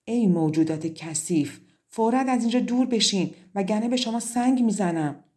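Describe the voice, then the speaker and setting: A woman voicing a spiteful young stepsister in a storybook, shrill and scolding. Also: expressive, a little mellow, natural voice. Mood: nasty, shouting.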